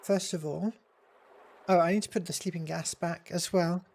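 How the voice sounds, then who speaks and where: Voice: medium pitch, steady tone, normal speed, creaky, darkish tone. A game streamer giving casual live commentary, thinking aloud while playing.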